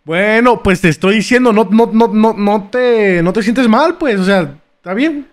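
A young man with a Mexican accent and a fairly high voice talks a little slowly, bantering casually through a prank call in slangy, stammering speech. He's a prank-call streamer in a small indoor streaming room, close to a boom-arm microphone.

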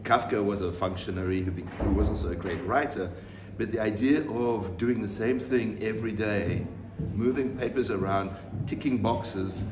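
A man in his fifties from South Africa, an artist answering interview questions in a measured, reflective way with pauses and restarts. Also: fairly low pitch. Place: room with bookshelves, seated in leather armchair. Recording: roomy, distant mic, audible background noise.

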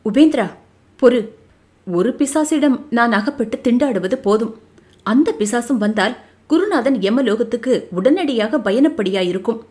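A woman's voice: a little high, expressive, moderate pace, a little mellow, natural voice. A woman voicing a frightened older male guru in an audio novel, speaking in a pitiful, pleading tone.

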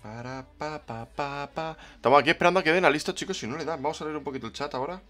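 A man's voice: on the high side, rapid-fire, bright, forceful tone, faint music behind. A man with a Spain Spanish accent streaming a game, chatting casually and greeting viewers from the chat by name. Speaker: livestreamer. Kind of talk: casual livestream chat, reading the chat.

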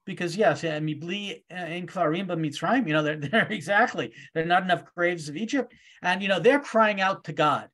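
A man leading a virtual Torah study group over a video call, animated and playful, acting out the voices in the stories he tells. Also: sits high, moderate pace. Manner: animated, acts out voices in quotes.

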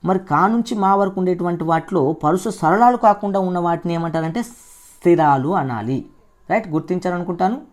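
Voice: medium pitch, brisk, a little mellow. Teacher drilling grammar terms for an exam. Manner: drills terms by repeating them and quizzing the listener; tags points with "right?" checks. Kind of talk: exam coaching lecture.

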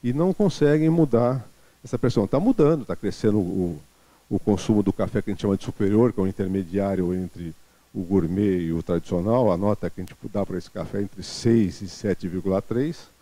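A man's voice: lowish voice, brisk, warm tone, no room sound. A man in his sixties from Brazil gives a seminar talk on a handheld mic, conversational and full of fillers and restarts. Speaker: lecturer. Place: small lecture room with seated audience.

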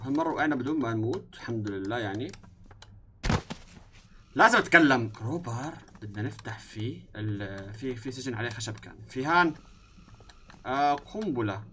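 A young man with a Levantine Arabic accent giving let's-play commentary, excitable and swinging between yelling and muttering to himself. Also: medium pitch, fairly quick, pauses often, slight background noise. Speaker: gaming YouTuber.

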